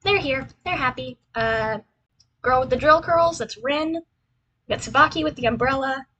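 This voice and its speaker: A woman's voice: high-pitched, normal speed, sharp tone, lo-fi sound. A young woman chatting casually as a cute anime-style VTuber on a livestream, rambling and repeating phrases in a self-deprecating way. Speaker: VTuber streamer introducing themselves. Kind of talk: casual livestream chat over a slideshow.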